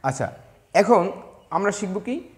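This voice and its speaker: A high-voiced man whose first language is Bengali teaches an English grammar lesson in a classroom. He goes slowly and deliberately with lively intonation, spelling words out letter by letter and hesitating along the way.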